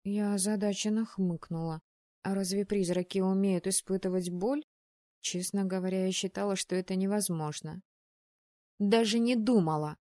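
Mellow woman narrating an audiobook. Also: mid-range voice, normal speed, no echo, clean studio sound. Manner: expressive storytelling. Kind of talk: first-person audiobook narration.

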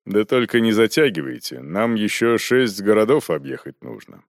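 A man voicing a worldly old monk inquisitor who talks in an unhurried, dismissive way. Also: on the low side, very animated, no room sound, clean studio sound. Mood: lazy, dismissive.

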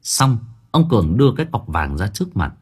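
A man narrating a story in an expressive, lively way. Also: lowish voice, fairly quick, husky. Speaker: audiobook narrator.

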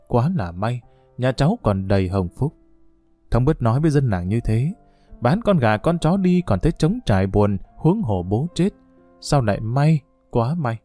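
A man narrating a somber story in a solemn, expressive audiobook reading. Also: medium pitch, no room sound. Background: soft guitar music.

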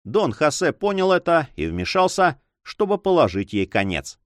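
A man's voice: fairly high pitch, moderate pace, dry recording, studio quality. A man reading a novel aloud as an audiobook narrator, telling it expressively. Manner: expressive storytelling.

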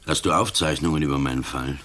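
An older male actor with a Swiss German accent plays a calm, stubborn, ailing police commissioner in a 1980s radio play. His very deep voice moves fast, and he delivers his lines coldly and firmly.

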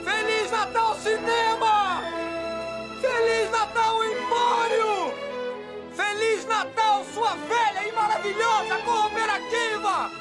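A man dubbing a desperate family man in a film, shouting and pleading. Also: very high-pitched, measured pace, long pauses, loud music behind the voice. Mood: overjoyed. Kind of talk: dubbed film acting. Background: film score.

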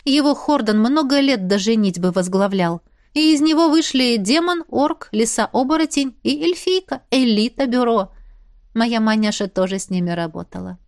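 Expressive woman reading a fantasy audiobook. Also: a little high, moderate pace, no room sound, studio quality. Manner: expressive, acting out dialogue. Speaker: audiobook narrator. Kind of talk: scripted first-person narration.

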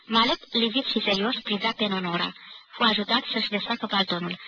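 A woman reading a literary novel aloud in a measured, clear manner, on an old radio archive recording. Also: medium pitch, sharp tone, dull audio. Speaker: audiobook reader.

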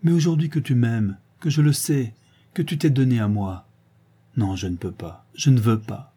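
A man's voice: medium pitch, moderate pace, mellow, slightly rough, close to an everyday voice. A man reading aloud voices a desperate young lover, speaking in an impassioned, pleading way.

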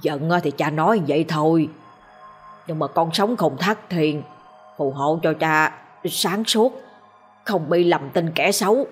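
Woman doing a bullying old rich man, harsh scolding, breathy, faint music behind. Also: low voice, unhurried, long pauses. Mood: cowering plea. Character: furious old rich landowner, bitter and bullying.

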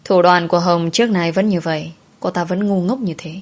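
A woman reading a story aloud in a calm, even scripted narration. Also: fairly low pitch, brisk.

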